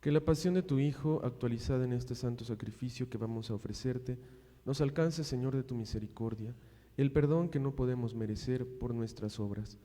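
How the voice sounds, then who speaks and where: A man, a priest celebrating mass, leading liturgical prayer in a measured, solemn intoning manner, his voice carrying a long cathedral-style echo. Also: medium pitch, mellow. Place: large church. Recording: echoey church with long reverb.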